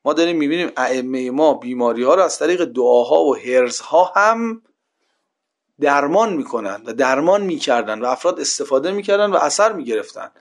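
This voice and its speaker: A man's voice: on the high side, lively intonation. A man giving a religious lecture to a class in a conversational way, often posing rhetorical questions and checking that listeners follow.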